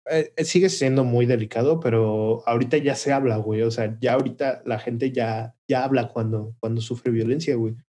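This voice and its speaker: Mexican young male co-host, warm low-key voice, easygoing slang with fillers. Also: brisk, few pauses. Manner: relaxed, slangy, hesitant fillers. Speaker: podcast co-host. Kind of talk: casual chat.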